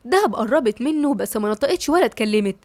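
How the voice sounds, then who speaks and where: Brisk Egyptian woman storyteller. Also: on the high side, expressive, darkish tone, dry recording. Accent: Egyptian Arabic. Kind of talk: novel read-aloud narration.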